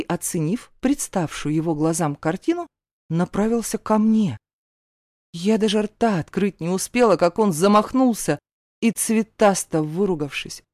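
Lady reading a first-person novel, steady, dry close sound. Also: lowish voice, dry recording. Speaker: audiobook narrator.

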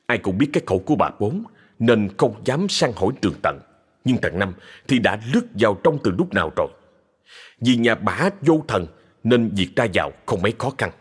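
A man tells a ghost story in a husky voice with a lively swing of pitch. The reading carries a long reverb tail. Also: a little fast. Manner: lively, colloquial telling.

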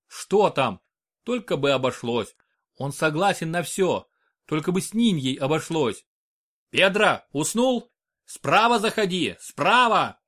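A man narrating an audiobook in an expressive storytelling manner. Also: on the high side. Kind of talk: scripted narration.

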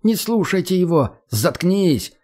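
A man voicing a scared teenage boy who pleads in a high, strained, emotional voice. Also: very animated, measured pace, darkish tone, exaggerated voice. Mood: frantic pleading.

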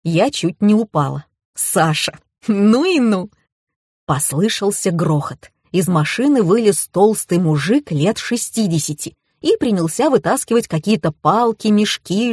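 A woman reading a novel aloud as a lively, expressive first-person audiobook narrator on a close mic. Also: lowish voice, normal speed, hardly any pauses, breathy edge, no room sound.

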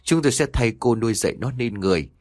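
Male narrator voices pious old village grandmother, fearful, pleading; lively pitch. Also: fast talker, dry recording, clean studio sound, lightly acted. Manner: pleading, murmured prayer.

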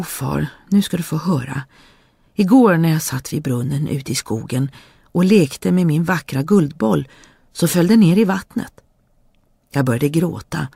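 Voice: medium pitch, gravelly, a little mellow, breathy edge, no echo, studio quality. A reader doing a petulant young princess. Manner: petulant, eager to please when she wants something. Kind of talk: storybook reading.

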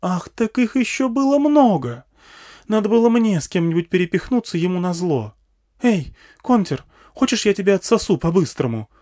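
A man's voice: on the high side, very animated, slow pace, hardly any pauses, mellow, slightly rough, pitched above the performer's own voice, exaggerated voice. A man reading an audiobook voices a hysterical, jealous, foul-mouthed woman from the wasteland who shrieks in panic and fury. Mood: spiteful.

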